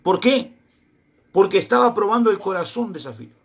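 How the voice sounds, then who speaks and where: A middle-aged Argentine man preaches in a strikingly high voice for a man. He tells a personal testimony as a sermon and acts out the conversations in it, voicing each side in turn. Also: sing-song, a little fast, vocal fry, fairly bright tone. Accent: Argentine Spanish. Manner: storytelling, acting out both sides of dialogues.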